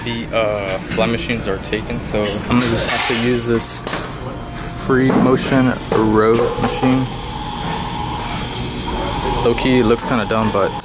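A young man talks in a laid-back, rambling way, full of fillers. His voice sits at a middle pitch. Steady noise from the car and the outdoors runs behind him. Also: measured pace, pauses often. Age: young adult. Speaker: vlogger. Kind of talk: casual vlog chat. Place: parked car, then gym.

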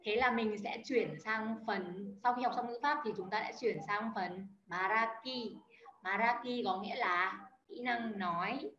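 A woman's voice: medium pitch, unhurried, a bit bright. A woman teaching a beginner language class online over a video call, explaining step by step and calling on students by name. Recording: echoey, dull lo-fi audio with faint noise.

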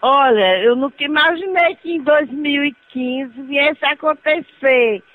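A woman's voice: high-pitched, unhurried, narrow, tinny audio. A woman, talking unscripted over a landline phone. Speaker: prank call victim. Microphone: telephone.

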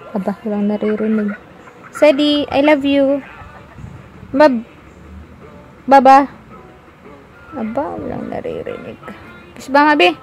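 High-voiced chatty mom vlogger. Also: female voice, darkish tone. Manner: chatty asides to viewers mixed with playful baby talk. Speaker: vlogger and mother. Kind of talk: casual home vlog, talking to camera and baby. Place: at home.

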